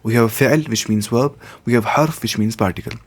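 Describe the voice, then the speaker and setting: A man's voice: medium pitch, normal speed. A man teaching an introductory grammar lesson, repeating terms and examples and glossing each one in English. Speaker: Arabic teacher.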